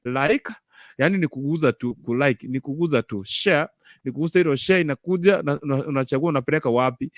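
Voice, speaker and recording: Higher-voiced Kenyan man hosting live. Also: dry recording, studio quality. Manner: repeats phrases, mixes English with Swahili. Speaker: host of a live online gospel show. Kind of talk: informal live-stream hosting, addressing viewers.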